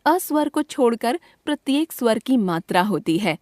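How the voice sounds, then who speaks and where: A woman teaching from a school textbook, reading it out slowly and deliberately, spelling out each letter and example. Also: on the high side, animated, a little mellow, no echo, clean studio sound.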